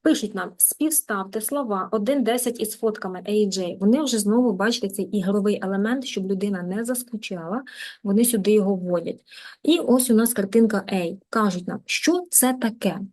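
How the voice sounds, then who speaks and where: A Ukrainian woman teaching a beginner English class online, in a lively, coaxing manner, repeating words to drill pronunciation. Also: mid-range voice, fairly quick. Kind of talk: live online lesson.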